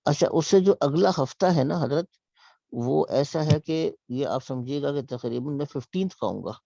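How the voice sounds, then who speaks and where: A man with a Pakistani Urdu accent, teaching an online Arabic class. He reads Arabic phrases slowly and drawn out, then explains them briskly. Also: a little high, vocal fry, warm tone, no room sound. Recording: dull, dry lo-fi sound.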